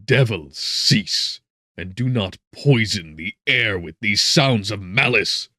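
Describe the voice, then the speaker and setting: A man playing an anguished, defiant scientist confronting his creation in a forceful, declamatory audiobook performance. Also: on the low side, expressive, takes it slowly, dry recording, clean studio sound, pitched above the performer's own voice, full character voice. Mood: defiant anger.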